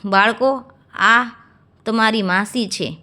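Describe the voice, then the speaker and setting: A woman reading the lines of a poor, forgiving older sister who speaks gently and calmly in a narrated storybook tale. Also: fairly high pitch, slow. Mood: gentle. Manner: gentle, soothing.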